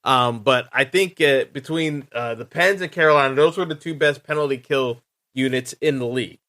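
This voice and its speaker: A man's voice: medium pitch, normal speed, bright, forceful tone, dry recording, studio quality. A male podcast host giving solo sports commentary, thinking aloud with many fillers and restarts. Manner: hesitant, full of fillers and restarts.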